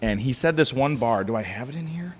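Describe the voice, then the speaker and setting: A man's voice: medium pitch, animated, fairly quick, a little hiss or hum. A man co-hosting a casual podcast, telling stories in a rambling way with lots of restarts. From Ohio. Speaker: podcast co-host, bar owner. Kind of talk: casual chat. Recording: long reverb, faint background ambience.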